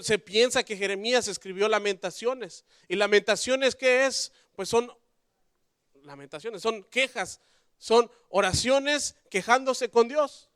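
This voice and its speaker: A man preaching a sermon in church, conversational, moving between loud emphasis and quiet asides. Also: high voice, smooth, no echo, studio quality. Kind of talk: sermon with personal story.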